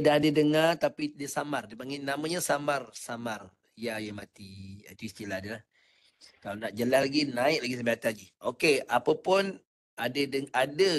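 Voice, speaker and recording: Malaysian male ustaz, online class, patient coach who models sounds slowly. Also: medium pitch, a little hiss or hum. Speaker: Quran recitation teacher.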